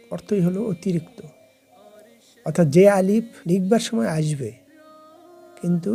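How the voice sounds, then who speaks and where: A man teaching a recorded recitation lesson, explaining rules deliberately and repeating words slowly as drills. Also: on the high side, warm tone.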